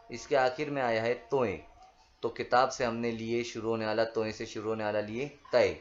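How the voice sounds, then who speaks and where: A lower-voiced man teaches a lesson, calling out vocabulary one word at a time with steady, deliberate pauses between each. The recording sounds dull and lo-fi, with the top end muffled. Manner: slow, measured listing of words one by one. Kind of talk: reading out word lists for a school lesson.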